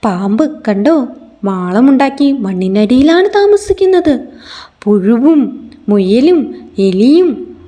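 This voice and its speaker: A woman teacher telling a story to young children in an animated way, often asking them questions. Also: a little high, slow pace, pauses often. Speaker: primary school teacher.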